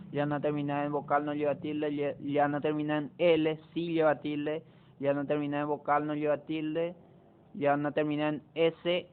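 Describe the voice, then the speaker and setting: A man's voice: a little high, clean tone. A man teaching a lesson on spelling rules, explaining step by step with frequent hesitations and restarts. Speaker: Spanish teacher. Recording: tinny phone-like recording.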